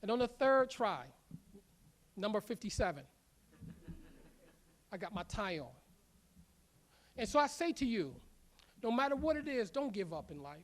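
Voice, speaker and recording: Give me a school leader giving an emphatic commencement address at a middle pitch, driving home repeated rallying lines. The speaker stumbles on filler words when going off-script. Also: big pitch swings, normal speed, long pauses. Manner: emphatic, repetitive rallying phrases, leads call-and-response. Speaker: culinary academy leader giving graduation address. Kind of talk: commencement speech. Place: large ceremony room.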